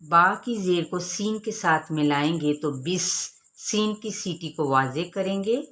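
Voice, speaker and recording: Woman, recitation teacher, deep voice, unhurried, patient explanations, drawn-out chanting. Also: a bit bright. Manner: patient, explains each sound then models it in slow drawn-out chanting. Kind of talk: slow step-by-step recitation lesson.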